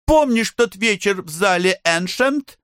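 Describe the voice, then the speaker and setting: A woman's voice: expressive, measured pace, clear, resonant tone, no echo, clean studio sound, natural voice. A man voicing Miss Kennedy, a young barmaid who squeals, pleads and giggles in disgust. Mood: squealing pleading. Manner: shrill pleading, breaks into squeals.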